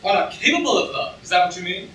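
Guy doing a mocking pirate captain, theatrical, highish voice, mic way back in the audience. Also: animated, fast talker, a bit bright. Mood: menacing. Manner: sardonic, theatrical. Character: mocking, menacing, masked male pirate captain. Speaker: actor in a student staged reading. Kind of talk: staged reading, stage acting. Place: lecture hall stage, indoors. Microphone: far camera in audience. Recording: echoey hall, distant audience-camera mic, noisy.

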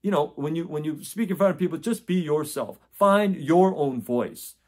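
A man in his forties from the United States, a test prep tutor, gives earnest direct-to-camera advice from a home office hung with framed certificates. His voice is fairly high-pitched with a darkish tone at normal speed, and he often restarts phrases and checks in with "okay?".

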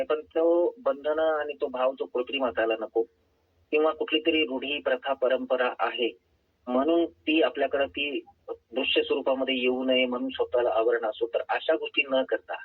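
A man calling in to a radio phone-in program as an author and poet, speaking over a phone line in a measured, earnest way. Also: mid-range voice, slightly rough. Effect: heard over a phone line. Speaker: author and poet, guest caller. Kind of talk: phone-in interview answers.

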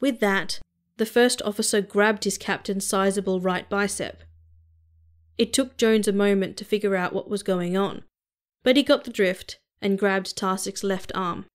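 A woman reads an audiobook in an even, measured voice, with a pitch that sits right in the middle. Her narration is steady and unhurried. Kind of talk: scripted narration.

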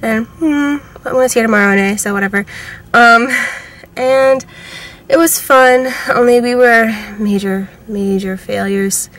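A woman's voice: a little high, a little slow, fairly bright tone, a little hiss or hum. A young woman vlogging casually from inside a car, talking to a camera at arm's length. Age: young adult. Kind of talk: casual vlog chat.

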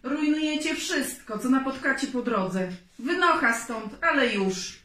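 A woman's voice: a little high, moderate pace, fairly bright tone, heavy reverb, far from the mic, lightly acted. A woman reading aloud, voicing a fussy, tidy male rabbit who exclaims in exasperation. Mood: shouting. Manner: exclaiming, put-upon.

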